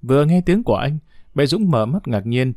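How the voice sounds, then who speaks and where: A man telling a family story as scripted narration, in a calm, even way. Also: medium pitch, moderate pace, dry recording, clean studio sound.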